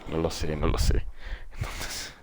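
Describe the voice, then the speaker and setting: A man's voice: a little slow, noisy background. A man casually talking to his stream viewers and plugging promo codes before starting a game. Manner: relaxed, addresses viewers, plugs sponsor codes. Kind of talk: casual gameplay chat.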